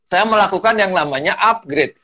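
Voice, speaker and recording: A man talking as a guest public speaking trainer, telling stories in a lively way and mixing in English phrases. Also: sits high, moderate pace, dull audio. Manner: animated storyteller, mixes in English phrases. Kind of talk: casual talk-show chat.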